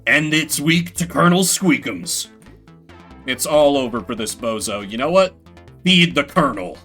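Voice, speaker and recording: Medium-pitched and sharp-toned, this game streamer keeps a lively intonation and a moderate pace. He swears playfully through his live commentary, reading text snippets out and talking with his audience while game music plays.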